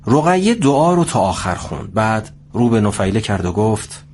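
A man narrating a scripted story at a steady pace. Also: fairly low pitch, slight background noise.

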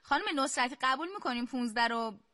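A woman hosting a quiz show, reading questions slowly and clearly and praising the players. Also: high-pitched, pushed and bright, no echo. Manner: slow, carefully spelled-out questions; encouraging praise.

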